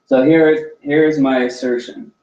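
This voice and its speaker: A man's voice: mid-range voice, steady tone, slow pace, mellow. Earnest man talking in a roomy space. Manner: earnest, searching, with frequent restarts. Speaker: podcast host. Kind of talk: reflective casual talk. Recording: roomy, distant, dull lo-fi sound.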